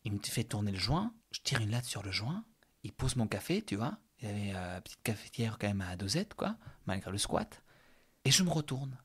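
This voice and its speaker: A man's voice: lowish voice, very animated, moderate pace, fairly bright tone, husky. A man casually telling a personal story as a podcast guest, chatty with many fillers.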